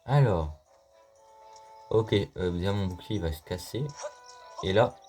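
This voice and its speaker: As a let's play host, a man jokes casually through his gameplay, addressing both the game and his viewers. His low, slightly mellow voice keeps a measured pace. Game music plays faintly underneath.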